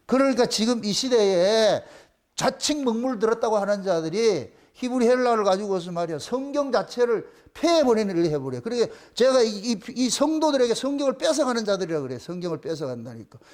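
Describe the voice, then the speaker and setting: A man's voice: high voice, big pitch swings, a little fast, a little mellow. A male pastor with a Gyeongsang Korean accent, preaching a sermon in an emphatic, mocking way, full of rhetorical questions.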